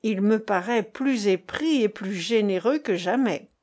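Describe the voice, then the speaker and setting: A woman's voice: medium pitch, measured pace, a little mellow, lightly acted. A woman voicing a scheming, mocking old female servant, reading an audiobook in a scolding, teasing way. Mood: coaxing.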